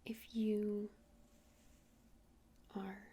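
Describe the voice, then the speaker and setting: Speaking in a hushed, airy whisper, a woman plays a friendly witch behind a shop counter in an ASMR roleplay, offering informal, halting explanations. The pitch is medium and barely moves, the pace is extremely slow, and the mood is gentle and helpful.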